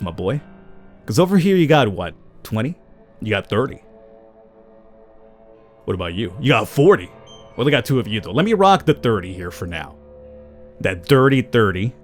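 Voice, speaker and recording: A man hosting a casual gameplay commentary, talking animatedly to himself and to the items in the game as he plays. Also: mid-range voice. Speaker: gaming channel host.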